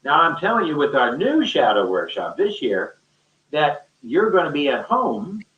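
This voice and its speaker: His voice sits a little high and swings widely in pitch, and he speaks a little slowly. He's a teacher rambling informally and emphatically in an online discussion, heard through dull, echoey call audio captured from a distance.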